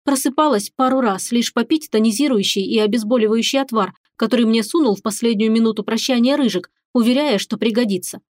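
A woman narrating a first-person audiobook in a steady, even storytelling manner. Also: fairly high pitch, a little fast, few pauses, no room sound, studio quality.

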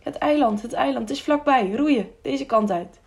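A woman's voice: mid-range voice, fairly quick, darkish tone, close to an everyday voice. A woman voicing a scared, grumbling young boy who was nearly drowned. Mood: alarmed. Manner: anxious, complaining.

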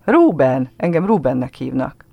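A man's voice: medium pitch, big pitch swings, creaky, dry recording, lo-fi sound. A man reading a story aloud, voicing a shy, tearful little village boy who talks earnestly in a dialect-tinged, childlike way. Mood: eager. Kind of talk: literary reading.

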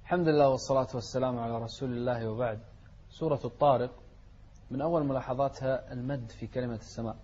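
A man teaching tajweed, reciting verses slowly and melodically, then explaining corrections briskly. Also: medium pitch, fairly even intonation, dark tone, slightly rough, lo-fi sound.

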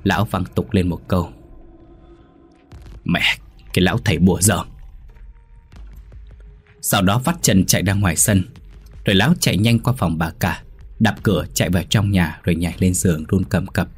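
A man narrating a ghost story in a steady, measured way. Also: sits low, slightly rough.

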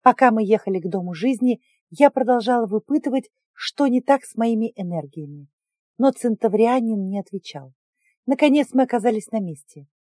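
A woman reading a first-person story in an even, measured manner. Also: on the high side, no echo, clean studio sound. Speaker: audiobook narrator.

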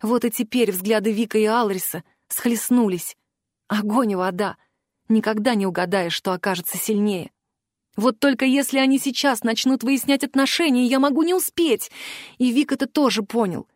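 A woman reads a fantasy novel aloud in the first person, and her reading is expressive and emotional. Her voice sits a little high. The sound is dry and close, with no room echo. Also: normal speed. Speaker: audiobook narrator. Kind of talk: scripted first-person audiobook narration.

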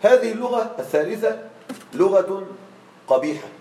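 A man teaching Arabic grammar to a class. He often checks that his students follow along and draws out the example forms slowly. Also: high voice, expressive, dark tone, reverberant, low-quality recording. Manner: checks on students with frequent questions; drawn-out slow spelling of example forms.

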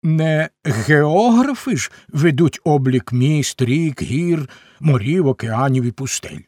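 A pompous old scholar of a geographer, put on by a male reader, lecturing in slow, weighty phrases. His voice climbs and falls in lively swings and is heard close and dry. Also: fairly high pitch, no room sound.

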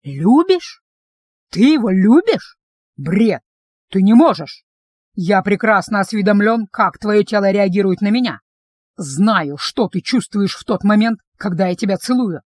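A woman reading an audiobook, voicing a menacing, jealous male vampire in a low, slow, seething hiss. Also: no echo, natural voice. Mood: furious. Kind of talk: audiobook character voice.

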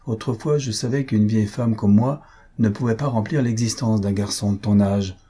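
A man reading aloud, voicing an elderly mother who chides her son in a husky, dark voice. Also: on the low side, normal speed. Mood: reproachful. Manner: wry, chiding. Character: elderly dowager mother, worried, reproachful.

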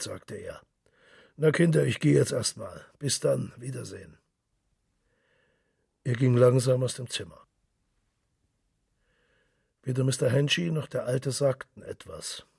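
A man with a very raspy, gravelly voice narrates a literary story for radio. He keeps a measured pace, and the dry, close studio sound keeps every grain of his voice clear. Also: medium pitch, darkish tone, no room sound. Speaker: narrator and reader.

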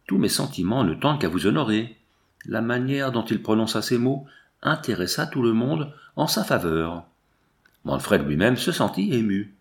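A man's voice: on the low side, very animated, normal speed. Man reading a gothic novel aloud. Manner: reads all the characters himself, voicing them lightly. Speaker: audiobook reader. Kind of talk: scripted narration.

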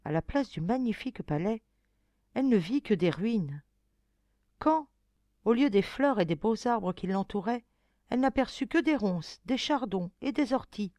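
A woman narrating a fairy-tale audiobook in an expressive, measured storytelling manner. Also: a little high, no room sound.

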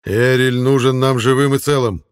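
A man voicing a stern grown Viking king who speaks slowly, hard and lecturing, in an audiobook. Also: mid-range voice, lively intonation, natural voice.

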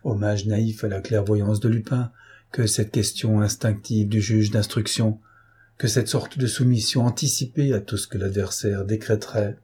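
A man narrating a novel as an audiobook in a measured, even way. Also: on the low side, slightly rough.

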